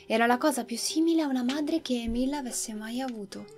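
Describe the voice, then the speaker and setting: A woman hosting a gaming channel, reading a game's story aloud in an expressive storytelling manner. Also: on the high side, fairly quick, soft background music.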